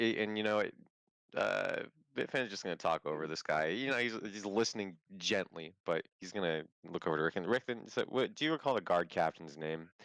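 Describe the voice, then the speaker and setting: Deep, smooth-voiced man, stammering and swearing. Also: a bit bright, dry recording, low-quality recording. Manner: stammering, restarts, swears freely. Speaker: player. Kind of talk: casual in-character game chat.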